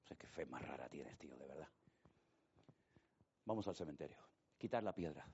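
A man preaching a sermon, telling the story with hushed and loud turns. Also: extremely low pitch, lively intonation, moderate pace, husky. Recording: dull lo-fi sound.

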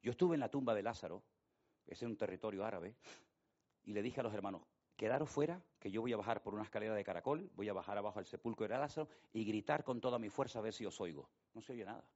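A man preaching a sermon, telling the story with hushed and loud turns. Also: on the low side, quick pace. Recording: dull lo-fi sound.

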